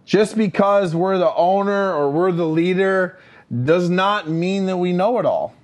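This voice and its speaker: A man's voice: high voice, unhurried. Male podcast co-host, emphatic coaching delivery, lots of "right?" check-ins, casual. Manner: energetic, emphatic, lots of fillers and "right?" tags. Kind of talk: casual leadership podcast chat.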